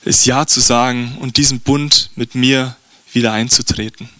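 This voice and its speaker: A man's voice: medium pitch, fairly even intonation, normal speed, a bit bright, dry recording, pitched below the performer's own voice, natural voice. A man doing an eager, generous king. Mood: earnest. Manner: eager and reassuring. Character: generous, warm-hearted male king.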